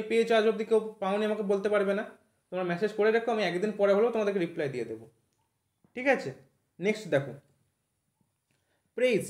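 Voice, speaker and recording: This exam-preparation English teacher, a man with a quick, high voice, runs an online vocabulary lesson in an echoey room. He keeps asking "thik ache?" after nearly each point and spells the words out slowly.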